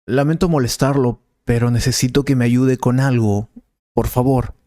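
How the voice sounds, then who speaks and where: Eager young male student played by a man, pushing for help; slightly raised pitch, dry close read. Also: steady tone, normal speed, mellow, dry recording, natural voice. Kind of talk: scripted learner dialogue.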